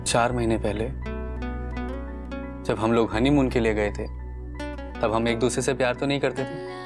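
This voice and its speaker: Brief: actor as a guarded husband, low calm voice, soft music behind. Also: male voice, moderate pace, close to an everyday voice. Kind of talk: television drama acting.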